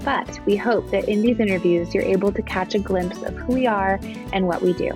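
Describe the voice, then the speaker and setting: A woman's voice: mid-range voice, a little fast. A woman hosting a podcast, reading a scripted introduction. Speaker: podcast host. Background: plucked guitar music.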